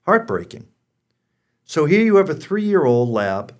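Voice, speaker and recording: A sixty-something American hosting a pet show talks to his audience directly and candidly, in a conversational style. His slightly high voice moves unhurriedly, with big swings in pitch.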